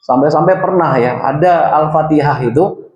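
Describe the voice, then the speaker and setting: A man's voice: a little high, normal speed, darkish tone, reverberant, highs cut off. A male preacher giving a conversational sermon, often asking the audience questions and adding "ya".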